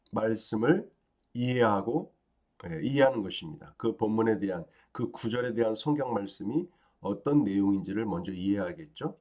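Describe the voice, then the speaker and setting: A man as pastor giving a daily devotional sermon, calm and teaching, with frequent fillers and rising emphasis on key phrases. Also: on the low side.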